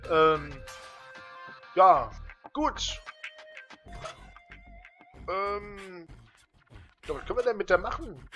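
A man's voice: high voice, lively intonation, extremely slow, pauses often, bright, forceful tone, soft background music. A man casually commenting while playing a game, laid-back and amused, chatty with lots of fillers. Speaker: let's play host.

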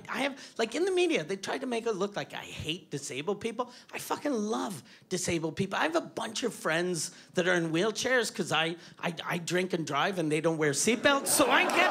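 A man's voice: very high-pitched, vocal fry. A man doing a stand-up comedy set with a Quebec French accent, crude and rambling, often laughing at his own jokes. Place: comedy stage before a live audience. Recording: live club recording with audience crowd and noise.

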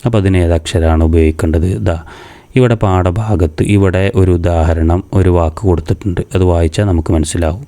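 Deep and warm, with fairly even intonation, the voice belongs to a madrasa teacher from Kerala, India. He leads a step-by-step reading lesson, patiently answering the questions he himself asks, and voices each sound slowly before repeating it.

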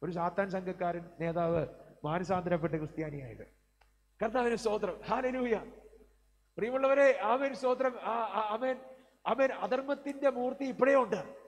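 A man's voice: high voice, normal speed. A middle-aged male preacher delivering a sermon, filling his speech with amens and words of praise. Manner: preaching with frequent amen and praise interjections. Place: community hall. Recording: hall reverb, faint hum.

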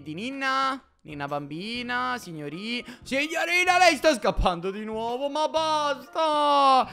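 A young man hosting a gaming channel, giving playful gameplay commentary with excited exclamations, repeated phrases and frequent stumbles. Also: high voice. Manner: animated, exclaiming, often stammering and repeating. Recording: faint background music.

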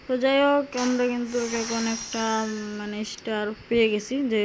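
A young woman with a Sylheti Bengali accent giving chatty, excitable commentary on a mobile game, talking straight to her viewers. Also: on the high side, normal speed, background noise. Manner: chatty, excitable, addresses viewers, frequent exclamations. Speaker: gaming YouTuber.

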